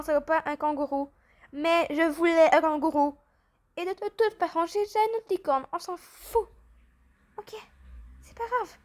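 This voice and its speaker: High-pitched woman rambling through her game, excitable, kinda sleepy, lots of ums. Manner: chatty and rambling, excitable, with many fillers. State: a little tired, just woken up. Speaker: gaming channel host. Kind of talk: casual gameplay commentary.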